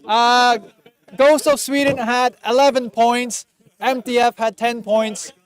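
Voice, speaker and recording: A man hosting a live-streamed award ceremony, yelling excitedly as he announces winners and prizes and losing his voice. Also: extremely high pitch, slow pace. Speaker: event host announcing prizes.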